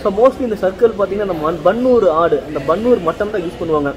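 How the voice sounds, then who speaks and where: Man, high voice, very quick, talking while chewing, restaurant crowd behind. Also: animated, muffled recording. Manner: chatty, mixes in English words. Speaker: food vlogger. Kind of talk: casual food review vlog. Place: busy restaurant. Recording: crowd noise in background. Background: diners chatting.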